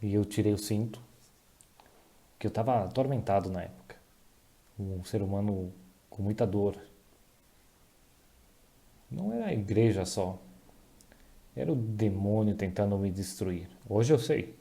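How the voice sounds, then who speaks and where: A man speaks a dubbed testimony in a low, deeply mellow voice. He keeps stopping to restart and correct himself as he tells it, so the delivery sounds halting. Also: animated, vocal fry. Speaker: voice-over interpreter dubbing a testimony.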